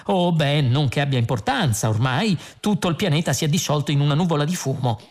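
A woman voices an indignant, stubborn ordinary Englishman in a read-aloud story. He presses his point insistently, with an aggrieved edge, in a lively but low, slightly husky voice. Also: brisk.

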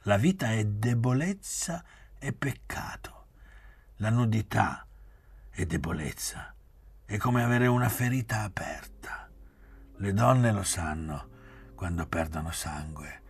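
A man's voice: fairly low pitch, lively intonation, takes it slowly, vocal fry, long pauses, husky, pitched above the performer's own voice, exaggerated voice. A man reading aloud, voicing a grave young man who speaks of sin and weakness. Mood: solemn. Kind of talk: audiobook reading.

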